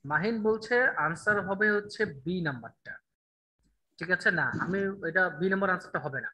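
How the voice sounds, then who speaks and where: A man teaching an online English grammar class, quizzing a student and reading answer options slowly. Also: sits high, animated, sharp tone, a little hiss or hum, rough recording. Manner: drills answers with rhetorical questions, reads options slowly.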